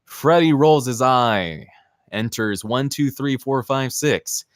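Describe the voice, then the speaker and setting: At a table read, a man reads the stage directions, delivering scripted screenplay narration in a theatrical, clipped present-tense style. His voice is medium-pitched and slow, with clean studio sound and no room sound.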